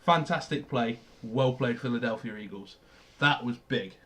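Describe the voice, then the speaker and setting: A man's voice: mid-range voice, normal speed, pushed and bright. A young man from Australia co-hosting a casual sports podcast, explaining plays with eager enthusiasm. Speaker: podcast co-host.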